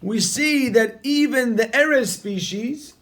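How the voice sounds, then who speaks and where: A man's voice: very high voice, slow pace, a bit bright. A man teaching a Talmud class, who repeats key phrases over and over and calls on his students with emphatic energy. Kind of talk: Talmud class reading and explaining text.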